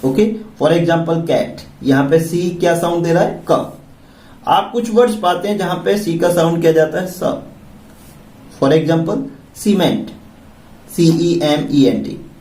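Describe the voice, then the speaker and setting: A man with an Indian accent gives a classroom-style English vocabulary lesson, spelling words letter by letter and putting questions to the class. His voice is slightly high and a little mellow, delivered at a measured pace, picked up by a distant mic in an echoey room.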